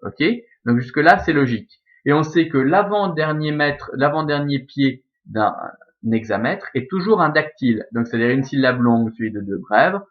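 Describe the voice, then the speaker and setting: A man with a Belgian French accent talks through a lesson at a middle pitch, patient and methodical. He fills his sentences with small hesitations and corrects himself as he goes. The recording sounds slightly dull and lo-fi. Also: animated, moderate pace. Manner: patient, methodical, with frequent fillers and self-corrections. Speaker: Latin teacher. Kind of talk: recorded lesson explaining verse scansion.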